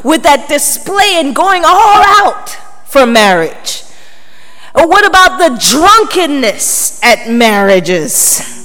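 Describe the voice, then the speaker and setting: This preacher's high-pitched voice swings widely in pitch, sounding pushed and bright as she takes her time. Emphatic and rhetorical, she keeps prompting her congregation in a large hall whose long reverb fills the recording.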